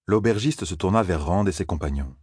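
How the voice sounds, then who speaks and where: A male audiobook narrator reading a fantasy tale at a measured pace. His voice is very deep with a husky edge, and the recording is dry and close. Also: animated, a little mellow, dry recording. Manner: measured storytelling.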